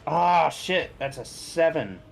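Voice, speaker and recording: A man's voice: fairly high pitch, animated, takes it slowly, vocal fry, soft background music. A man chatting casually as a player at a tabletop role-playing game.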